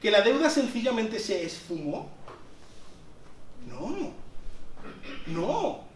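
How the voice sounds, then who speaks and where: This sermon comes from a pastor from Spain, his accent Spanish, his voice high, very animated, and slow-paced. Conversational stretches build to emphatic peaks, heard distantly in an echoey church hall with slight hiss or hum.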